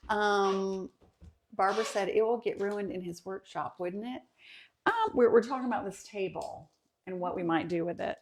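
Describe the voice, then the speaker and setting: A woman's voice: mid-range voice, normal speed, background noise. Woman home vlogger, casual livestream host, lots of ums while reading comments. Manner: chatty, with many ums, reads comments aloud. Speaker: host of a home and kitchen channel.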